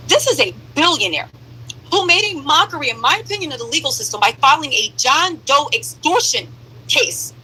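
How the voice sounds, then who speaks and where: A woman's live-stream commentary played back sped up, so she sounds like a chipmunk, blunt and joking with quick asides. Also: bright, forceful tone, low-quality recording. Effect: sped-up playback, chipmunk-like high voice.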